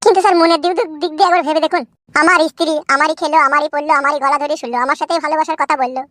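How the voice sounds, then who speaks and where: In a cartoon dub, a performer plays a dramatic young husband who is aggrieved and self-pitying, wailing long, florid complaints. His high, fairly bright voice runs rapid-fire with fairly even intonation, captured as clean studio sound without echo.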